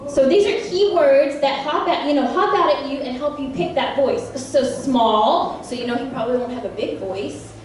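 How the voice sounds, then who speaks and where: Brief: high-voiced woman, lively panel speaker, recorded from afar in a big echoing convention room. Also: moderate pace, hardly any pauses. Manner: chatty and animated, laughs often, quizzes the audience. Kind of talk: convention panel talk to an audience. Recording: very echoey hall from a distance.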